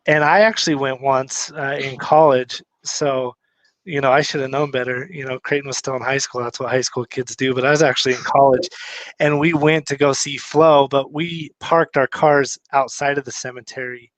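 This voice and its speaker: A male host chats casually on a live stream and reads viewer comments aloud. His voice sits at a middle pitch. The sound is dry and close, with no room echo. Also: steady tone, moderate pace.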